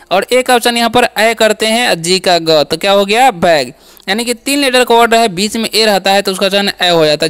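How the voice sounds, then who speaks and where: A man with a very high voice teaches, asking a question and then answering it himself. He checks in with "okay" after nearly every line. His voice is smooth and resonant. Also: fairly bright tone. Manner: drills with repeated questions and answers; frequent "ठीक है" and "okay" check-ins. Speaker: English teacher. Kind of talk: classroom-style lesson.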